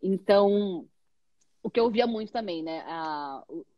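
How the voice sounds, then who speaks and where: A woman English teacher chatting casually with a student, explaining with lively examples and checking in often. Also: medium pitch, measured pace, dry recording, dull audio. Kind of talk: casual interview chat.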